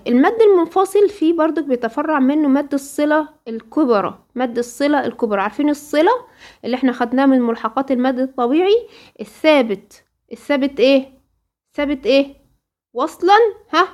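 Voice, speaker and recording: A high-pitched woman with an Egyptian accent leads a recitation lesson. She quizzes her students and then answers the questions herself. Now and then she slowly draws out example words. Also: a little mellow. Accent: Egyptian Arabic. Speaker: Quran recitation teacher.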